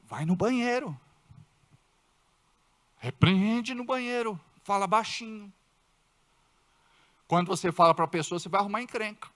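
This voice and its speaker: A man with a Brazilian Portuguese accent preaching a sermon in a church, acting out quoted voices with sudden loud outbursts. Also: high voice, a little slow, pauses often. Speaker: pastor.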